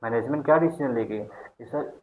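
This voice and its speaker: A man's voice: medium pitch, brisk, a little mellow, a little hiss or hum. A man teaching an accountancy class, often checking in with his students and asking and answering his own questions. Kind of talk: online class lecture. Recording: tinny phone-like sound.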